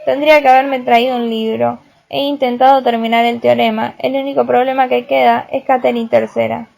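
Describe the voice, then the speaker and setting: A woman's voice: fairly high pitch, level tone, fairly quick, vocal fry, darkish tone. A woman reading as a nerdy, obsessive teenage boy prodigy. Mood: earnest. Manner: earnest, precise and obsessive.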